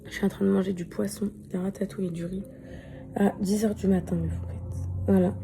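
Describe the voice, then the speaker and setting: A woman's voice: mid-range voice, level tone, fast talker, gravelly, music in the background. A young woman vlogging casually to her followers, tired and rambling, with many fillers and restarts. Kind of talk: casual vlog chat to followers.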